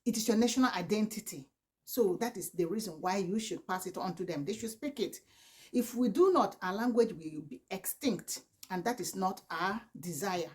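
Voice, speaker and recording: A vlogger and mother of four, in her forties and from southeastern Nigeria, talks to camera in a Nigerian accent, with Igbo as her first language. Her mid-range voice is darkish, with lively intonation at a moderate pace. The advice is earnest and pleading, full of repeated "please" and restarts.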